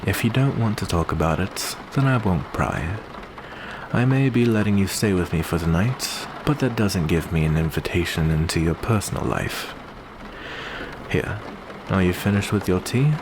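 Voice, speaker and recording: A man plays a polite yet predatory vampire in an ASMR roleplay, speaking in a very deep, soft voice. He's a smooth, courteous host with a hidden menace, gentle in mood and unhurried and genteel in manner, sprinkling in endearments. A clear, steady background hiss runs throughout the recording.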